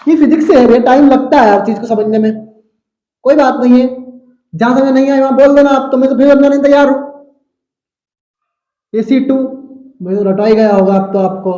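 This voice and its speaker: A man's voice: extremely high pitch, steady tone, brisk, pauses often, dark tone, muffled recording. Male science teacher, Central Indian Hindi accent, chatty storyteller, roomy echo. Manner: chatty, addresses students as brother, tells stories. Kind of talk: classroom physics lesson.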